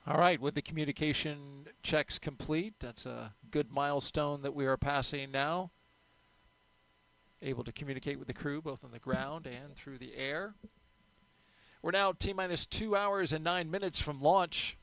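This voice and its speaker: A man's voice: on the high side, moderate pace, vocal fry, a bit bright, poor audio. A man giving upbeat, chatty live commentary as a launch broadcast host.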